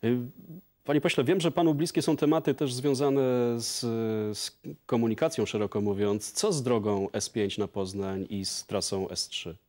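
A man's voice: medium pitch, normal speed, darkish tone. A man hosting a political TV interview in a studio, asking probing, conversational questions.

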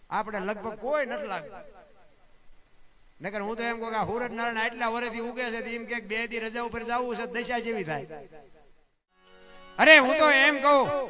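High-pitched Saurashtra Gujarati man, live folk storyteller, animated and loud at peaks, audience audible. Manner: animated, acting out characters with rising loud bursts.

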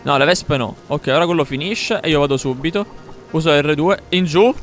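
A young man commentating his own gameplay live, excitable, repeating words in quick bursts and swearing when things go wrong. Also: a little high. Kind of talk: live let's-play commentary. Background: game music.

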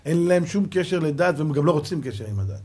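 Rabbi guy, middle-aged, kinda husky, highish voice, gets loud then drops to near whisper telling stories. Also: very animated. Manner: dramatic, swings from loud exclamations to quiet asides, acts out quoted people. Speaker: rabbi giving a lesson. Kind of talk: animated Torah lesson with storytelling.

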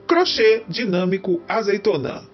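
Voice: mid-range voice, big pitch swings, unhurried, muffled recording, faint music behind. A performer voicing Tom, a cheerful cartoon helper who repeats the choices, thinks aloud and calls out the answer. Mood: eager.

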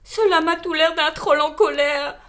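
A woman's voice: high-pitched, fairly even intonation, unhurried, fairly bright tone, voice pushed up. A woman voicing a young male wolf who is afraid of everything, in a storybook reading. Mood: fearful. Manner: anxious, plaintive.

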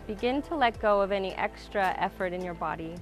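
A woman yoga instructor calmly leading a slow, grounding breath and body awareness exercise in a guided class. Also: medium pitch, music in the background. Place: outdoor waterside wooden deck.

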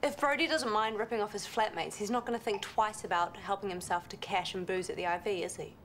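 An actress plays a suspicious, insistent young flatmate in a TV soap. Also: female voice, medium pitch, a little fast, slight background noise, lightly acted. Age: 20s. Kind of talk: naturalistic TV soap acting.

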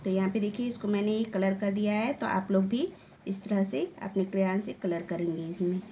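A woman teacher giving a recorded lesson to young children, talking patiently and slowly, drawing out vowel sounds and checking in with "okay" after each step. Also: mid-range voice, warm tone, a little hiss or hum. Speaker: primary school teacher.

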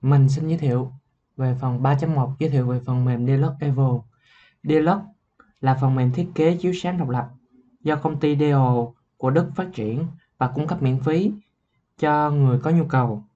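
A young man, a student, explaining software in a class report, halting at times and clearing his throat. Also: medium pitch, dull audio. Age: young adult. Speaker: student presenter.

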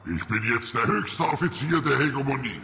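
A man voicing a bitter, proud, vengeful alien military officer in a dramatic video game, gravelly, forceful and accusing. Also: mid-range voice, very animated, normal speed. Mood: bitter, threatening. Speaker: fleet captain.

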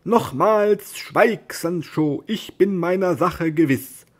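Man playing a fiery old storybook knight, pompous, booming and high, gravelly. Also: lively intonation, slow, full character voice. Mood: grandiose. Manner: declamatory, shouting grandly.

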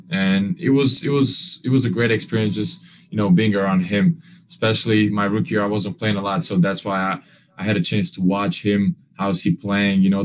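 Answering postgame questions on a video call, a young adult basketball player speaks earnestly but haltingly, with frequent fillers and restarts and non-standard grammar. He has a fairly low-pitched voice, and there's slight background noise.

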